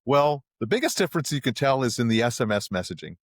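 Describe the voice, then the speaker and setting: A middle-aged man talking casually as a podcast guest, rambling and restarting often, getting animated when he explains. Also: mid-range voice, quick pace, no echo, studio quality. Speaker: podcast guest, marketing agency president. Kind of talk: casual interview talk.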